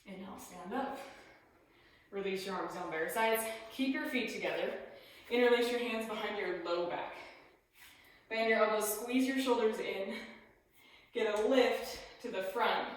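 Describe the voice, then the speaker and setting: A woman leading a yoga class, giving calm step-by-step cues and sounding a little out of breath as she moves through the poses. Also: mid-range voice. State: slightly out of breath. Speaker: yoga instructor. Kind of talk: guided yoga class instruction. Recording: very echoey room.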